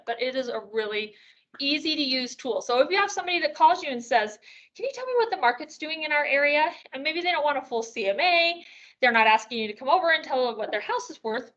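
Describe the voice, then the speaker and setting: Chatty woman pitching tools at a sales meeting, high bright voice, bit breathless, dull lo-fi sound. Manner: upbeat, chatty, asks rhetorical questions. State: slightly out of breath. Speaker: real estate sales meeting presenter.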